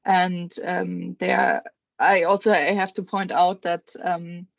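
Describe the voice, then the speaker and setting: A woman's voice: fairly low pitch, steady tone, takes it slowly, creaky, no echo, dull audio. A young woman from Germany, presenting a nursing case report on a video call, hesitant and full of fillers. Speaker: nursing student.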